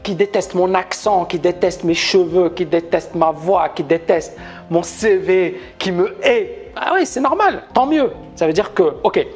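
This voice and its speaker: Male trading educator on a live stream, animated, emphatic, keeps asking the audience questions, faint music underneath. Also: high voice, moderate pace. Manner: talks to viewers, asks many questions. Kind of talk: live-stream market analysis.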